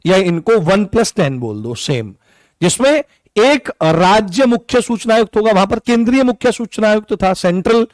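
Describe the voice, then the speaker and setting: A man's voice: high voice, no echo. A man teaching an online exam-prep class, coughing, often turning key points into questions for his students. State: coughing, hoarse. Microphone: own mic.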